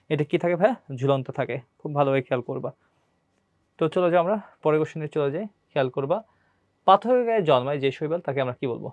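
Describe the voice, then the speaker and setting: A young male biology teacher with a Bangladeshi Bengali accent gives an exam-prep biology lecture, quizzing students, answering his own questions, and repeating key terms. His voice is a little high and darkish in tone, with no room sound.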